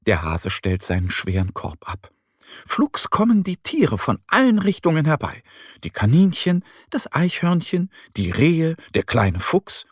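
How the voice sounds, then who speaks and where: A man reads a bedtime-style children's story slowly and gently, with a husky voice. His pitch moves a lot as he acts out the scenes, and the recording is dry and close. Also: huge pitch swings, no room sound. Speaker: narrator. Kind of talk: children's audio story reading.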